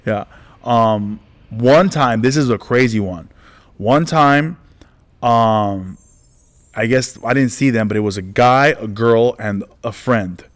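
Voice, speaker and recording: A man's voice: medium pitch, slow. A man, a stand-up comedian, telling stories in a casual interview, rambling with many restarts and fillers and acting out the voices of people he quotes. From United States.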